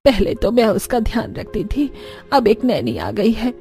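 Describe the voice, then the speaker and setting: A woman's voice: a little high, big pitch swings, a little slow, dark tone, soft background music. Woman voicing a sorrowful old grandmother. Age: older. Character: worried elderly grandmother, tender and pleading.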